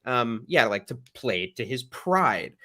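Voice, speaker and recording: A man hosting a podcast, giving sarcastic, animated commentary and laughing often. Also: medium pitch, takes it slowly. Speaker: podcast host. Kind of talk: casual commentary chat.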